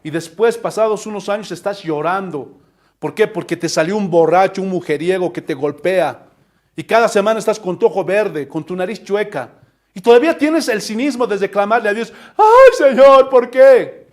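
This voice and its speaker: A man's voice: high voice, animated, moderate pace, darkish tone. A man, a pastor delivering an impassioned sermon full of rhetorical questions. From Bolivia.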